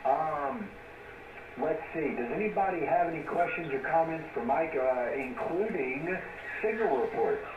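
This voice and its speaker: Man, net control, ham radio with static, chatty and easygoing, pitched a bit high, roomy echo. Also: expressive, a little slow. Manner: easygoing, chatty, many filler words. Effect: heard over a ham radio receiver with static. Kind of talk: running an amateur radio check-in net. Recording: distant, muffled radio with loud static and echo.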